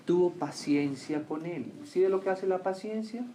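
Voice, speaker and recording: A man preaching a sermon who keeps asking his listeners questions and answering them, rising loud on key lines and dropping low and quiet on others. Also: normal speed. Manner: swings between raised emphatic lines and quiet low remarks.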